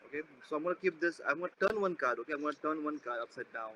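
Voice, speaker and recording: A man's voice: on the high side, animated, racing, pushed and bright. Man doing card-trick patter, noisy recording. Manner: repetitive, checking with the listener. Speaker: card magician. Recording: noisy background hum.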